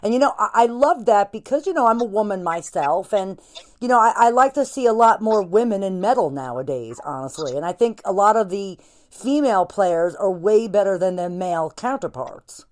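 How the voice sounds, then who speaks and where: A woman's voice: medium pitch, normal speed, a little mellow, dry recording. Forties lady host, casual, laughs a lot, swears, dry close sound. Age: 40s. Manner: laughs often, swears freely. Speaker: podcast host. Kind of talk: casual interview.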